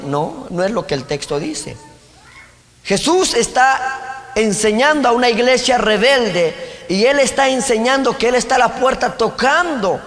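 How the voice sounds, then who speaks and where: A man's voice: extremely high pitch, fairly bright tone, long reverb tail. A man preaching a sermon as pastor, asking the congregation questions and driving his points home. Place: church.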